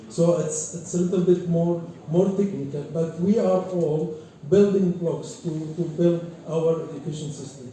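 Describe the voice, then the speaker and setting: A man in his forties from Egypt gives halting, formal remarks as an invited keynote speaker at a conference, with many fillers and repeated words. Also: a little high, warm tone. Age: 40s. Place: large echoey conference hall. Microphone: distant from the microphone. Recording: echoey hall from far off, faint noise.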